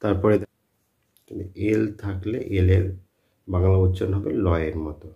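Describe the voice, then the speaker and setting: Low-voiced male teacher, dull lo-fi sound. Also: little pitch movement, measured pace, creaky. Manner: repetitive, asks and answers own questions. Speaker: English teacher. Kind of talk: spoken lesson.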